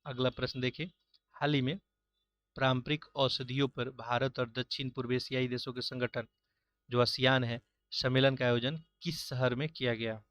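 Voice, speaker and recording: A man working through mock-test questions as an exam-prep teacher, reading each question and its options, then giving the answer in a steady, explanatory way. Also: mid-range voice, moderate pace, dry recording. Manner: steady, explanatory, repeats filler "jo hai".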